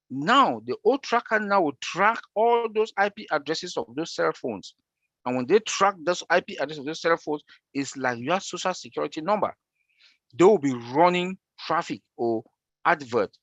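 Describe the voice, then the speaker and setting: An excitable man who repeats himself while answering questions in a casual online meeting. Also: fairly high pitch, dry recording, muffled recording. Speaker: presenter answering member questions.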